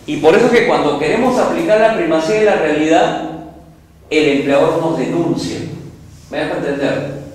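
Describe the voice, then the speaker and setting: A man from Peru teaching a law class, emphatic and animated, often checking that students follow. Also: on the high side, moderate pace. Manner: emphatic, animated, asks listeners if they follow. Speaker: law lecturer. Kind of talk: classroom lecture. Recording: very echoey classroom, voice far from mic, faint noise.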